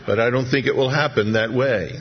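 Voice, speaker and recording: Husky man teaching scripture, dull recording. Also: medium pitch, a little fast. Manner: reads scripture then adds wry asides. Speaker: preacher. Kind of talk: verse-by-verse Bible teaching.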